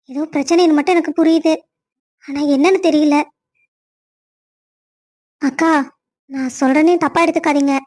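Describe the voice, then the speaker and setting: A woman's voice: sits high, darkish tone. A woman voicing the women of a family cartoon story, one after another.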